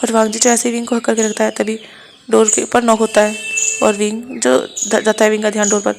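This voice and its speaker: Rapid woman storyteller narrating fan fiction, many restarts, quick pace. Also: fairly high pitch, flat delivery, vocal fry, background noise.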